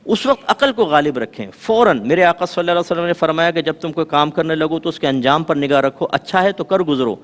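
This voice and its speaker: A man speaking as a religious scholar on a TV panel, telling folksy examples in a lively way. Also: a little high, hardly any pauses, in a large hall. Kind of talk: televised religious talk.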